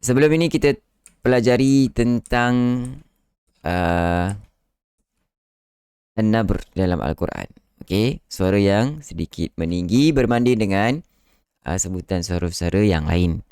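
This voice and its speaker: A man's voice: fairly low pitch, expressive, a little slow, long pauses, darkish tone, smooth, no room sound, studio quality. A man hosting a live online lesson on Quran recitation, explaining with frequent "ah" fillers and showing how words are stressed. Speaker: Quran recitation teacher and live show host.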